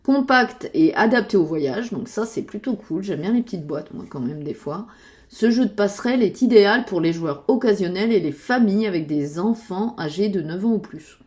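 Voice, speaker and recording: A board game YouTuber, a woman with a mid-range, expressive voice and a darkish tone, talks at a moderate pace. She chats casually about board games while searching websites, hesitating with lots of fillers and muttering to herself.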